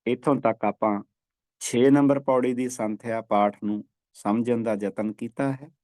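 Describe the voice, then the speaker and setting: Slow, measured male scripture teacher. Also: medium pitch, fairly even intonation, darkish tone, dry recording. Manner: slow, deliberate, repeats verses for practice. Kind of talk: slow recitation lesson with chanted verses.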